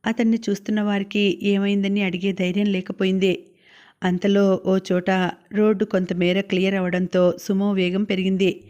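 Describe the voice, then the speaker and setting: A woman narrating a novel as an audiobook reader, in steady, even storytelling. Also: medium pitch. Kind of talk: scripted narration.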